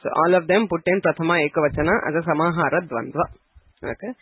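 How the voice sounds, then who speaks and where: A man's voice: fairly high pitch, quick pace, husky, no echo. A man teaching a Sanskrit grammar class online, answering students' questions patiently with many "okay"s and "so"s. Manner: patient, explanatory, frequent "okay" and "so". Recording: dry, phone-like narrow sound.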